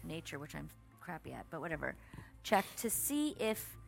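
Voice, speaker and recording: A woman's voice: low-pitched, big pitch swings, moderate pace, gravelly, faint music behind. A woman playing a tabletop game who talks hesitantly and runs herself down. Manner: hesitant, self-deprecating. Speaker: player. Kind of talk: casual play at a tabletop game.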